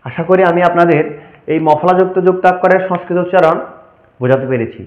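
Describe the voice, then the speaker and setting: A high-voiced man gives a formal lesson, explaining each point slowly and with care. His voice comes through a tinny, phone-like channel and bounces around a roomy, echoey space. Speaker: Sanskrit pronunciation teacher. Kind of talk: online lesson.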